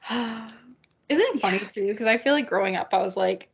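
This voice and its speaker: A woman's voice: fairly high pitch, slightly rough. A young woman from Illinois co-hosting a podcast, rambling in casual chat, swearing freely and laughing often. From Illinois, USA. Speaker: podcast co-host. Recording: dull lo-fi sound.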